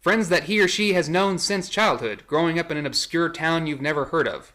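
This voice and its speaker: Casting note: young male vlogger, bright, slightly high voice, sarcastic and rambling. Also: a little fast. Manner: sarcastic, rambling, self-correcting. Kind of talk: casual commentary reading a list.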